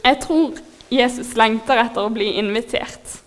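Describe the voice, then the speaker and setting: Woman preacher, fairly high voice, heartfelt and moved, halting sermon delivery. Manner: heartfelt, moved, laughs softly, pauses with fillers.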